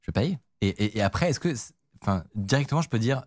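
A man's voice: medium pitch, expressive, brisk, no echo, clean studio sound. A man hosting a casual chat, asking questions with hesitant restarts.

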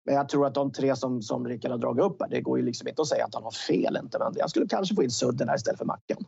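A man's voice: medium pitch, vocal fry, mellow, husky, no echo, dull audio. A man giving his views in an unscripted hockey discussion, talking discursively and tossing in tag questions. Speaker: studio commentator.

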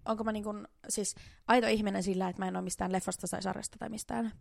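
A woman's voice: medium pitch, steady tone, creaky, no room sound, clean studio sound. A woman co-hosting a casual podcast game, giggly and hesitant, thinking aloud as she guesses. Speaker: podcast co-host.

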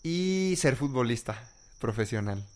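A man's voice: medium pitch, animated, a little slow. A young man with a Mexican accent in casual conversation, telling personal anecdotes in a candid way.

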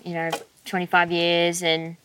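Bright young woman, chatty. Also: on the low side, completely flat delivery, unhurried, slight background noise, rough recording. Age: 20s. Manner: chatty, sincere. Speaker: guest. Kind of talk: casual group chat.

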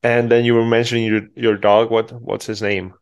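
Gravelly male podcast interviewer. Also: medium pitch, little pitch movement, normal speed. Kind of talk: casual unscripted interview chat.

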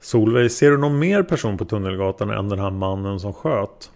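A man reading the questions of a patient female interrogator, gently probing a witness. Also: fairly low pitch, creaky. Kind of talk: read-aloud interrogation transcript.

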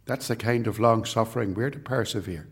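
A man preaching a sermon and reading scripture deliberately, with rhetorical repetition. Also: on the low side, slightly rough.

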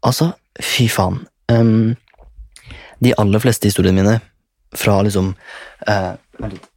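Rambling young man, low voice. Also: fairly even intonation, a little mellow, no echo. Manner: rambling, swears a lot, laughs while telling. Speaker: storyteller. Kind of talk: casual storytime monologue.

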